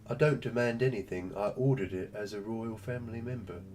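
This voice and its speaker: A man's voice: on the low side, a little fast, darkish tone, distant mic, a little hiss or hum, natural voice. A man voicing his spoiled male pet as a haughty creature who claims royal blood. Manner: haughty, self-important.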